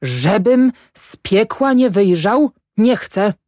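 A woman reading an audiobook and voicing a drunk, tearful older village headman who pleads and sobs, pitched higher than her own voice. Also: lively intonation, slow pace, a little mellow, dry recording, studio quality, exaggerated voice. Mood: sobbing. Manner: tearful, pleading, self-abasing. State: sobbing, drunk.

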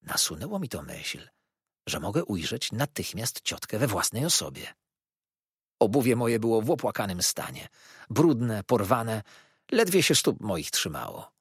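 A man's voice: lowish voice, sing-song, a little slow, husky, no room sound, clean studio sound. A man reading a novel aloud as an audiobook narrator, telling the story expressively. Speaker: audiobook reader. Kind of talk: scripted narration.

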